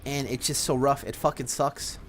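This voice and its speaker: A man's voice: medium pitch, fairly even intonation, normal speed, slight background noise. A man chatting casually while playing a video game, rambling with frequent restarts and plenty of swearing. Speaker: gaming streamer.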